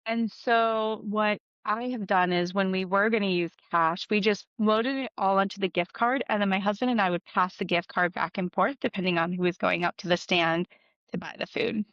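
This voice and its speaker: A woman's voice: medium pitch, steady tone, moderate pace, fairly bright tone, no echo. A woman in her thirties, a podcast co-host, chatting casually and giving practical tips with frequent ums. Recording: dull dry podcast audio.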